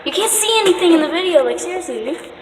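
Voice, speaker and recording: A woman's voice: extremely high pitch, animated, fast talker. A young woman talking casually and nervously as she vlogs a night exploration inside a tunnel. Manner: nervous, jumpy, slangy. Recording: echoey tunnel, noisy, handheld camera.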